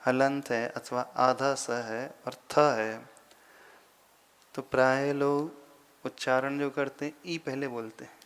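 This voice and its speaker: A man, a monk teaching Sanskrit verse pronunciation, patiently repeating syllables slowly and deliberately. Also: medium pitch, steady tone, clear, resonant tone. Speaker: Jain monk teaching scripture recitation. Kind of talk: slow explanatory lesson on Sanskrit pronunciation.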